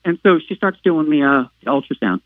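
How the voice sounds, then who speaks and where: Rich: A man with a somewhat high voice recounts a personal ordeal in a slow, halting way, full of "uh" fillers and restarts. He sounds squeezed through a narrow, phone-like line with no room sound around him. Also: lively intonation, no room sound. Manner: halting, filler-heavy retelling; acts out quoted lines with sudden loud outbursts. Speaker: podcast guest. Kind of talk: personal storytelling.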